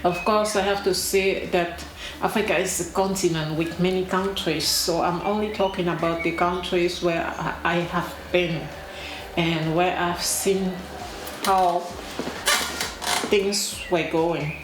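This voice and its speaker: Slow, deliberate woman in echoey room. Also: on the low side, fairly even intonation. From Cameroon. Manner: slow and deliberate, pausing, emphatic repetitions. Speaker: vlogger. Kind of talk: casual talk to camera. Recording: echoey room with clear background noise.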